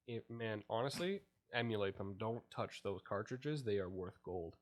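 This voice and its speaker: A man's voice: on the low side, moderate pace. A young man chatting as a podcast guest, telling stories with acted-out quotes and frequent laughter. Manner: animated storyteller, laughs often, acts out quotes. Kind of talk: casual chat.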